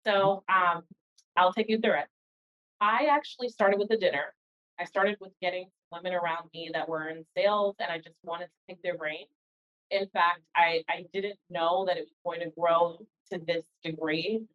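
Over dull, lo-fi call audio, an organization founder appearing as an interview guest answers questions conversationally. Her lowish voice holds a steady tone at a normal speed.

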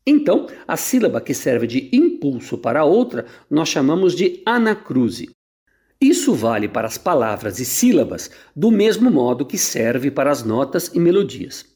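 A man's voice: on the high side, very animated, normal speed, dark tone. A man with a Brazilian Portuguese accent, a conductor answering listeners' questions on the radio in a patient, didactic way, now and then singing short melody examples.

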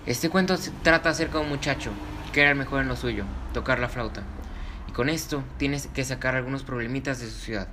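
A man's voice: medium pitch, brisk, noisy background. A man presenting scripted stories in the manner of a kids show host, addressing children directly. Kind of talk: scripted story introduction. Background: music.

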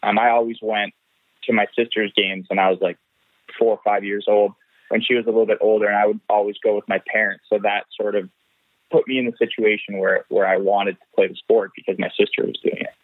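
A Canadian man who drives race cars talks in a phone interview, his voice on the low side, level in tone and slightly quick. He repeats words often as he thinks, and the recording is a dry, tinny phone line.

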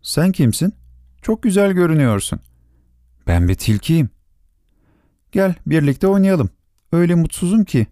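A man doing a gentle, polite little prince. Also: on the high side, very animated, normal speed, pauses often, no room sound, clean studio sound, voice pushed up. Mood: eager. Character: gentle young boy prince, polite and lonely.

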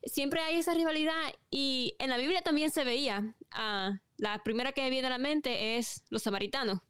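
A woman talks through a faith topic in a reflective, unhurried way, stopping and restarting her thoughts. Her voice sits a little high and comes across smooth and clear, recorded dry and close. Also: fairly bright tone, no echo. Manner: reflective, with frequent restarts and pauses. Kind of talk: casual faith discussion.

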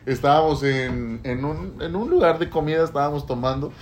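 A man's voice: a little high, lively intonation, normal speed. A man with a Mexican accent, co-hosting a casual podcast and telling anecdotes animatedly, acting out the voices. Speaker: podcast co-host. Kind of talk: casual chat. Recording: crowd noise in the background.

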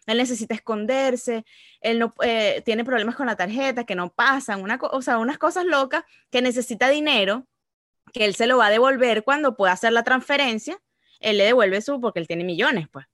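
A woman co-hosting a podcast in casual chat, explaining in halting restarts. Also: fairly high pitch, a bit bright, no echo, clean studio sound. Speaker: podcast co-host.

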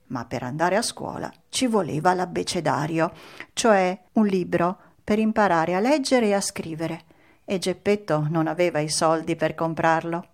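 Lower-voiced woman reading a storybook aloud. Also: moderate pace. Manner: expressive, lively read-aloud. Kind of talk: storybook narration.

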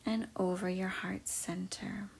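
A woman guiding a meditation in a soft, slow, mostly whispered voice. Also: medium pitch, little pitch movement, gravelly, breathy edge. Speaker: meditation guide. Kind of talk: guided meditation.

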